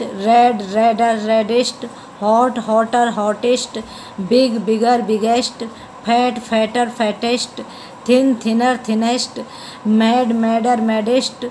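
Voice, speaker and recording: A woman's voice: fairly high pitch, fairly even intonation, takes it slowly, a little mellow, a little hiss or hum, rough recording. A woman teaching a grammar lesson, patiently repeating word forms and spelling them out.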